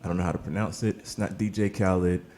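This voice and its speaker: His voice sits low and darkish, with a steady tone and a fast delivery over soft background music. He's an online marketing channel host giving casual promotional talk to camera, salesy and hyped, calling people "baby" and "man" while weary from a late recording.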